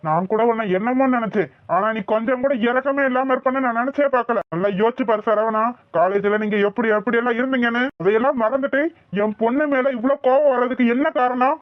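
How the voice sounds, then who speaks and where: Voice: medium pitch, fast talker, no room sound, close to an everyday voice. An actor voicing a stern, weary old father. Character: older father, stern, protective of daughter. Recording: tinny phone-like dry audio.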